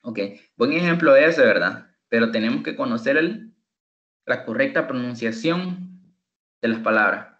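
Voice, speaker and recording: A male teacher with a Salvadoran Spanish accent leads an online lesson, drawing words out slowly and repeating them in drills. His voice is bright and forward. It comes through a dull, echoey call recording. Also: mid-range voice, expressive. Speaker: English teacher.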